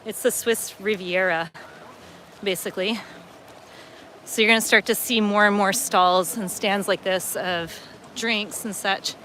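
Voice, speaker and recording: A woman's voice: mid-range voice, fairly even intonation, a little slow, long pauses, pushed and bright, a little hiss or hum. A middle-aged woman from upstate New York, hosting a casual livestream on a lakeside waterfront, chatting and reading viewer comments aloud as she walks. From upstate New York, USA. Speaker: travel vlogger hosting a livestream.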